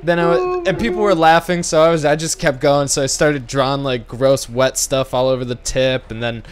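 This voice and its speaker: A young man streaming with friends, telling a story in animated casual chat, swearing freely. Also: medium pitch, normal speed.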